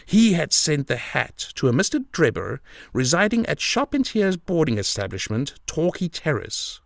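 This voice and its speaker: A man doing a bragging police detective, pitched up. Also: sing-song, normal speed, gravelly, no echo, studio quality. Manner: gleeful and bragging. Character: boastful, self-satisfied male police detective. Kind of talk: audiobook character voice.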